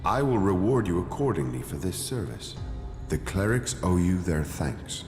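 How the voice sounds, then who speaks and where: A man's voice: low-pitched, sing-song, normal speed. An actor playing a stern, haughty male cleric leader in a video game, speaking formally and condescendingly. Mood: stern, disdainful. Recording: echoey hall reverb, music underneath.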